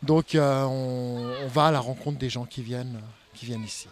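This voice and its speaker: A man's voice: mid-range voice, steady tone, normal speed. A man hesitantly describing his neighbourhood in an interview. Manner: hesitant, many fillers.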